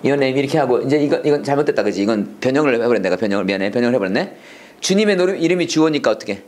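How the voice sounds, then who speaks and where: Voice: medium pitch, expressive, racing, darkish tone, slight background noise. A Korean speaker teaching English prayer phrases to a class, drilling lines and having students repeat. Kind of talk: classroom lesson, call and response drills.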